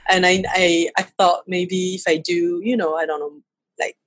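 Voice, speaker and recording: Guest: French-accented woman, 30s, husky and low-pitched, relaxed chat with easy laughs. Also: moderate pace, no room sound, low-quality recording. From France. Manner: laughs easily, hesitant fillers. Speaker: guest photographer. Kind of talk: casual interview conversation.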